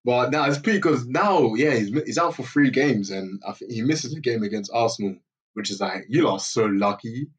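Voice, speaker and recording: A young man talks football in loose, slangy banter. His voice is husky and sits a little back from the microphone. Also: medium pitch, animated, moderate pace, distant mic. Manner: laid-back slangy banter, laughs often. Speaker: podcast co-host. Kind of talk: casual football chat.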